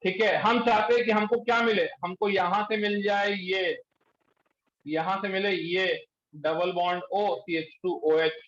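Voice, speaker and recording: A male chemistry teacher lecturing a class in speech, quizzing students and pushing them to answer quickly. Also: sits high, fairly bright tone. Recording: echoey room, dull lo-fi sound.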